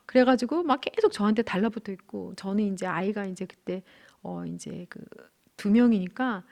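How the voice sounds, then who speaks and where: A woman in her thirties teaching a church marriage class, telling candid personal stories in an earnest, conversational way. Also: medium pitch. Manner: earnest, candid storytelling with animated quoted outbursts.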